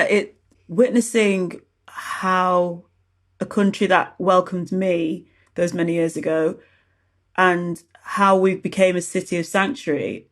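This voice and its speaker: A woman born in South Sudan, a teacher and activist, answering an interview earnestly in halting phrases. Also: fairly low pitch. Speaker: guest, teacher and community activist.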